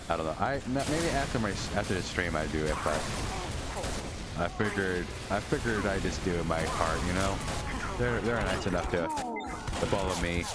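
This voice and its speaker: A man streaming a shooter game live, commenting excitably, swearing a lot and rambling to his chat. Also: sits low. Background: game music.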